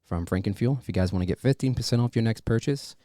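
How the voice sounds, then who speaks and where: A man's voice: fairly low pitch, fast, dark tone, no echo, clean studio sound. A man hosting a podcast in casual, profane, slangy chat, often addressing his listeners as guys. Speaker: podcast host.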